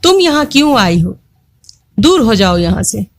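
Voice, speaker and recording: A vain little butterfly girl from a children's storybook, raised high and sharp-tongued, scolding whoever shares her flower, as a woman puts her on. She brags and orders others away. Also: very animated, unhurried. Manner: scolding, haughty, boastful. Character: proud, bossy young female butterfly.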